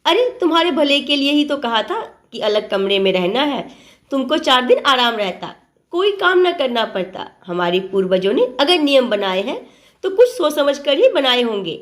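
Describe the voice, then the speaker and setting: A woman's voice: high voice, very animated, normal speed. A woman voicing a strict, traditional middle-aged mother-in-law who lectures and scolds in a storybook tale. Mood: huffy.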